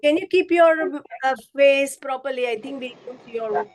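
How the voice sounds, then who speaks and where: A woman's voice: high voice, normal speed. Woman host, online meeting, polite and thankful, loose with fillers. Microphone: video call.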